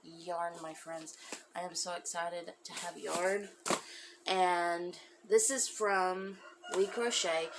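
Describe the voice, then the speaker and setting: A woman's voice: fairly low pitch, a bit bright, a little hiss or hum, low-quality recording. A woman hosting a crafting podcast, chatting casually with lots of fillers, and sounding a bit congested. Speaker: podcast host. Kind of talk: casual chat.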